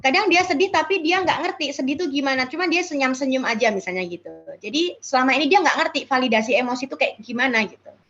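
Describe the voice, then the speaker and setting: A woman's voice: high voice, quick pace, hardly any pauses, fairly bright tone, dull audio. A woman speaker at a parenting class, explaining casually and acting out how children talk. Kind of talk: parenting talk answering questions.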